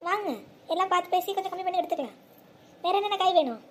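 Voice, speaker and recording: Cartoon vegetable seller played by a woman: male hawker, coaxing, extremely high voice, faint noise behind. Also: rapid-fire. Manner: sing-song hawking, persuasive. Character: male street vegetable vendor, haggling and coaxing.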